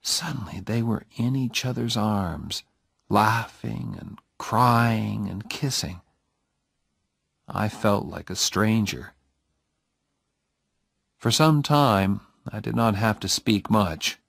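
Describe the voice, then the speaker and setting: A man narrating an audiobook story in a slow, steady, deliberate reading. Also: on the low side, creaky, breathy edge, no room sound, studio quality.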